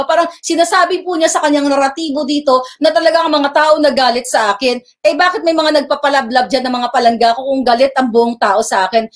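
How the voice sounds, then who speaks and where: A woman hosting a live stream, mocking and heated, swinging between loud outbursts and low asides. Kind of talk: combative live-stream rant.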